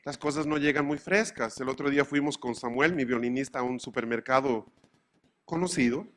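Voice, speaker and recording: A man giving a lecture to a live audience, animated and full of anecdotes, often asking his listeners if they follow him. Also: mid-range voice, a little fast. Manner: animated, often checks in with the audience through questions; acts out both sides of everyday dialogues.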